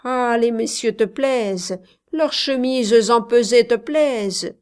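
A woman voicing a jealous young male shepherd who rants loudly and with scorn, threatening the girl he loves. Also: a little high, slow, clean tone. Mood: shouting, scornful. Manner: loud, ranting, contemptuous.

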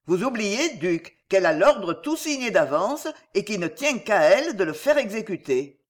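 An audiobook reader voicing a forceful, insistent male adventurer giving urgent advice in a historical novel. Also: mid-range voice, very animated, normal speed.

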